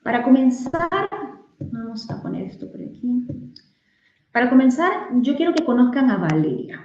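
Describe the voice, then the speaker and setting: A woman's voice: sits high, big pitch swings, normal speed, a little mellow, roomy sound, muffled recording. A woman doctor from Venezuela gives a clinical lecture to colleagues. She explains things step by step and works through patient cases. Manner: explanatory, addressing colleagues with case examples. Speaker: aesthetic medicine doctor giving a webinar talk.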